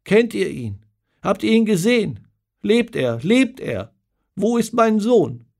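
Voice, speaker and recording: A man voicing a desperate old woman who begs soldiers for news of her son, crying out in a high, pleading voice. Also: sing-song, slow, vocal fry, darkish tone, full character voice. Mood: frantic. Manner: frantic pleading cries.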